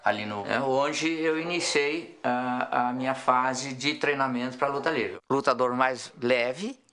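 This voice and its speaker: Bright-voiced man explaining. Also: medium pitch, unhurried. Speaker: former wrestler. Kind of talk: explaining in a documentary interview.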